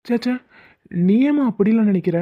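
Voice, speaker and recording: A woman voicing an exasperated young husband in an animated comedy, teasing and pleading with his wife. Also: medium pitch, fairly quick, no room sound, natural voice. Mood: coaxing. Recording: tinny phone-like sound.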